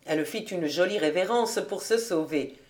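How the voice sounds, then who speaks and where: A woman reading a classic novel aloud as an audiobook, calm and even-paced. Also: lowish voice, normal speed. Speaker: audiobook reader.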